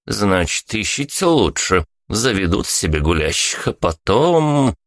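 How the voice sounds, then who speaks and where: A man's voice: on the low side, very animated, a little slow, dry recording, clean studio sound, pitched above the performer's own voice. A man voicing a grumpy elderly woman doorkeeper who scolds and grumbles in a storybook reading. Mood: contemptuous.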